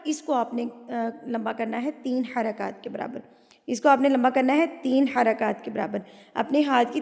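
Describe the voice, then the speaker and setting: A woman teaching a Quran recitation lesson, explaining rules patiently and chanting words in long drawn-out tones. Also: on the high side, gravelly, darkish tone. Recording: long hall reverb.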